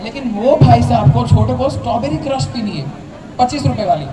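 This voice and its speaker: A young man telling an animated stand-up comedy story, acting out his family members. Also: very high voice, brisk. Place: large tented college hall with a seated crowd. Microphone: handheld mic, filmed from far back in the audience. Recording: distant echoey hall with crowd noise. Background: audience laughter and chatter.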